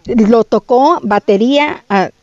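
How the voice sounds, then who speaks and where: A woman lawyer guest explains legal points in casual chat and drops English terms in as she goes. Her voice sits fairly high and sounds dry, with a slightly dull, muffled recording. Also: takes it slowly, a little mellow, no room sound.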